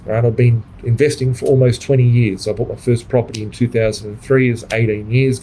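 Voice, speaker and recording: This middle-aged Australian man, a coach for property investors, speaks at a medium pitch with a slightly mellow tone. In a livestream monologue he talks bluntly, swears freely, and keeps adding "right?" to his points. The recording is rough, with slight background noise.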